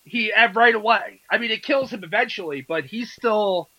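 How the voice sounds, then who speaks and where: A man's voice: sits high, normal speed, no echo, lo-fi sound. A man co-hosting a casual movie review podcast, easygoing and agreeable, often trailing off and restarting. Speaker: podcast co-host.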